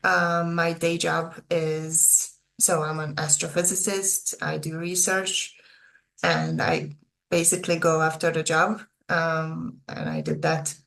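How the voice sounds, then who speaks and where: Speaking slowly in a low, creaky voice with a fairly bright tone, a young adult author with a Hungarian accent chats casually and somewhat hesitantly to viewers of her video channel. The recording quality is rough.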